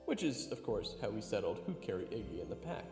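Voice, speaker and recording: In an audio drama, a man plays a goofy, boastful young human adventurer telling his own tale in first-person narration and dialogue, theatrical and joking like conversational storytelling. His voice is fairly low, very animated, and fast. The recording is echoey and reverberant, with music underneath.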